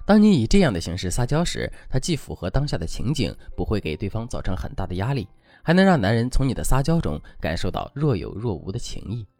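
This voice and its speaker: A man's voice: lowish voice, very animated, quick pace, a little mellow, no room sound, soft background music. A man giving dating advice as a scripted, instructive lesson.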